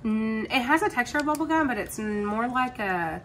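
A woman's voice: a little high, lively intonation, normal speed, fairly bright tone, distant mic. A woman vlogger and mother chatting casually and a bit scattered while tasting snacks. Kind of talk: casual snack taste-test chat. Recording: clear background noise.

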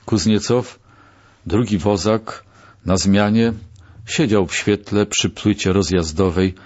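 A man narrating a literary audiobook in a measured, expressive way. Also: low voice, muffled recording.

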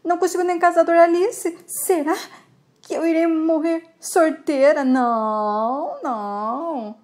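A woman's voice: very high voice, fairly even intonation, unhurried, a little mellow, pitched above the performer's own voice. A woman voicing a tearful rural woman with rustic country speech, in a soap recap. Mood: whiny.

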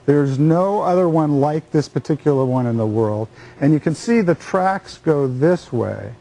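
An older man giving a halting demonstration as a guest on live television. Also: fairly high pitch, lively intonation, gravelly, mellow, low-quality recording. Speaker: guest demonstrating a collector's item.

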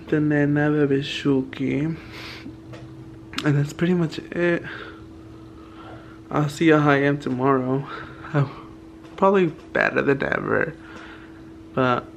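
A man's voice: on the high side, vocal fry. A young man talking casually and playfully to a vlog camera, full of slang and campy asides. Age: young adult. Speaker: vlogger. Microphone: camera at arm's length or on counter. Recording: faint room and car noise.

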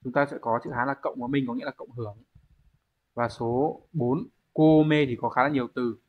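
A man's voice: medium pitch, steady tone, normal speed, phone-quality sound. A man teaching a language exam review lesson. He explains step by step and keeps checking with the class. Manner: explains step by step, often asks the class to confirm.

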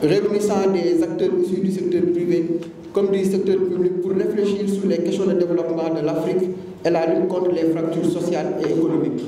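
A man in his forties from Senegal speaks at a press conference, earnest and emphatic, pausing with hesitations. His voice is high for a man but dark in tone. The room is echoey, with a long reverb, and he sounds set back from the mic. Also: a little hiss or hum. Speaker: business leader at a press conference. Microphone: handheld mic among a cluster of press mics. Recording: roomy hall from a distance.

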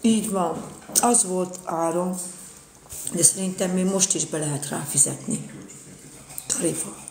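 Woman ranting on a live stream, kinda low voice, keeps repeating herself, big echo. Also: vocal fry, background noise. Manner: indignant, repeats her phrases. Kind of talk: casual live-stream rant.

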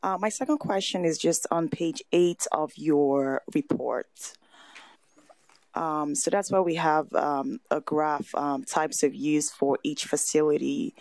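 Low-voiced councillor asking questions. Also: female voice, darkish tone, no echo. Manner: halting, rephrases questions. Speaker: city councillor. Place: council chamber. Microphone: desk microphone.

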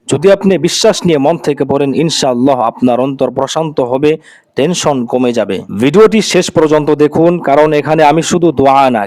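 A man's voice: a little high, a little mellow, dry recording. A man presenting an Islamic devotional video, speaking to viewers in an earnest, reassuring, preacher-like way.

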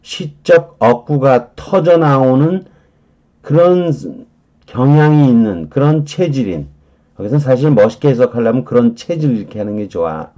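A man teaching English vocabulary in a lecture, explaining slowly with many drawn-out fillers and reading English phrases deliberately. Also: mid-range voice, lively intonation, warm tone, highs cut off.

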